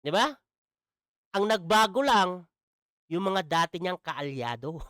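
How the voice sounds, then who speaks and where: A man's voice: sits high, lively intonation, a little slow, bright, forceful tone, no echo, studio quality. A man commenting in a casual vlog, mocking and asking "di ba?" again and again. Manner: mocking, repeats "di ba?". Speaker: vlogger.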